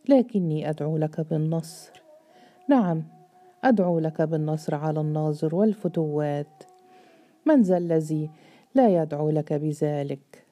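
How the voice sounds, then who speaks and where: A devoted maidservant pleads her loyalty with fervent, imploring words, as a woman reader voices her. The voice sits low and sounds very dark and mellow, all through a storybook reading.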